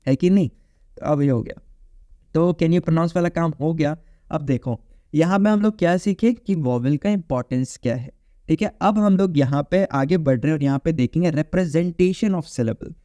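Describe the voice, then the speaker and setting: A man with a slightly high, warm voice gives an online phonetics lecture in Hindi, slipping English phrases in as he goes. He explains things patiently and puts questions to the class, and the recording is dry and studio quality.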